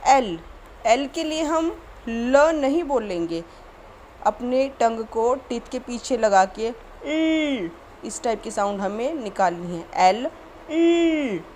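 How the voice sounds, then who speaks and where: A woman teaching children letter sounds, slowly and deliberately repeating each one. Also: fairly high pitch, lively intonation, a little mellow, a little hiss or hum. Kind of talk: children's phonics lesson.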